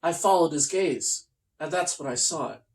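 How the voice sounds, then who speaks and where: With a medium-pitched, animated voice, a host performs a comic children's storybook, pausing deliberately and playing it theatrically mock-earnest.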